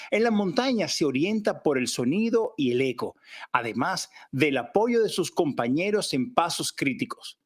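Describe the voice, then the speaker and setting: A man hosting an interview podcast. He speaks in a slightly higher register and sounds friendly and grateful as he welcomes his guest. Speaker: podcast host. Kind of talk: casual interview.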